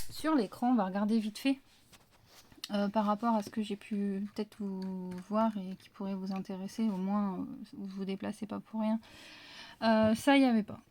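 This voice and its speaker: A woman's voice: medium pitch, dark tone, slight background noise. A woman showing her crafting finds in a casual, rambling haul chat, full of fillers. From France. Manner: chatty, rambling, many fillers. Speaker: craft vlogger.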